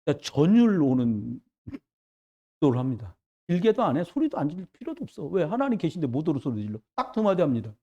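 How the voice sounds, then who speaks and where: A man preaching a sermon as pastor in a church, jumping between loud exclamations and hushed asides. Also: a little high, sing-song, quick pace, lo-fi sound. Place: church sanctuary.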